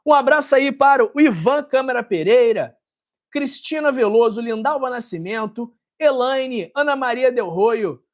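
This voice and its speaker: A doctor from Rio de Janeiro with a Carioca Brazilian Portuguese accent hosts a health channel, casually answering viewer comments to camera. His very high voice is animated and moves at a normal speed. He speaks directly and scoldingly, tacking tag questions onto many sentences.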